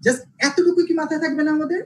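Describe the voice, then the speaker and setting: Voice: high voice, steady tone, quick pace, noisy background. A teacher giving a live online English pronunciation class with a Bengali accent. The teacher repeats points often and keeps checking that students follow along. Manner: repetitive, checks understanding with "alright?". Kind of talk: live online class, code-switching lecture.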